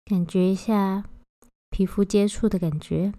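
A woman guiding a body-scan meditation, giving gentle, unhurried instructions with long pauses between phrases. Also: medium pitch, steady tone, no echo. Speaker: meditation guide.

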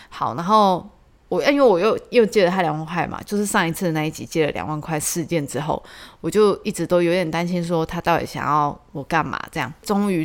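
A woman hosting a casual solo podcast, telling stories in a chatty, animated way with lots of fillers. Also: on the low side. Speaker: podcast host.

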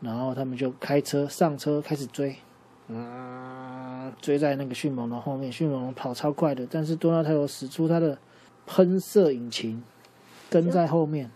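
A man improvising a bedtime story for a child, lively and asking the listener questions along the way. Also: medium pitch, normal speed.

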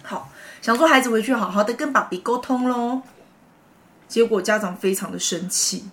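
Taiwanese woman, middle-aged, teacher co-host; bright-toned animated storyteller, laughs a lot, sits a little high. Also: moderate pace. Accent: Taiwanese Mandarin. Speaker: podcast co-host, teacher and mother. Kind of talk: casual chat.

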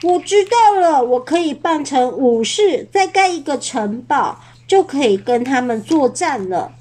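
A woman reading a storybook aloud, voicing a boastful little boy who acts fearless and shouts his boasts. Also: sits high, animated, measured pace. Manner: loud, swaggering boasts.

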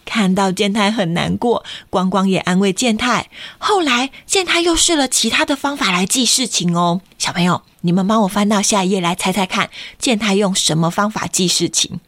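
A woman reading a picture book aloud to children, lively and playful, asking them questions. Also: medium pitch, normal speed, few pauses, no echo. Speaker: storyteller for children.

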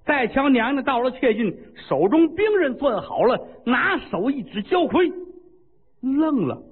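A man telling a traditional story in a vivid, animated way, acting out sound effects. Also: very high voice, measured pace, slightly rough. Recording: tinny phone-like with long reverb.

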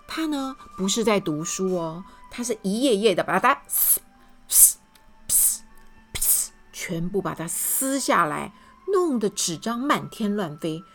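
Animated woman reading to kids. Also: mid-range voice, measured pace, soft background music. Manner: animated, talking to children. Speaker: storyteller. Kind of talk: children's story reading.

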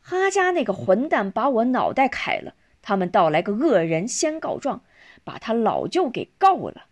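A woman's voice: high-pitched, big pitch swings, normal speed, a little mellow, pitched above the performer's own voice. A hot-tempered older wife complains indignantly, read by a woman. Her voice rises and drops freely. It comes from a spoken storybook. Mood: angry.

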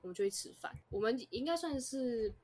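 A young woman, co-hosting a podcast and telling a story in casual, animated chat. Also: fairly high pitch, brisk. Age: young adult. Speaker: podcast co-host.

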